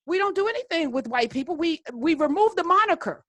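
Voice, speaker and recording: With a very high, expressive, fairly bright voice, an American call-in show host runs a debate at a slightly fast pace. She speaks conversationally yet assertively, pushing back and hammering points through emphatic repetition, in a dry recording.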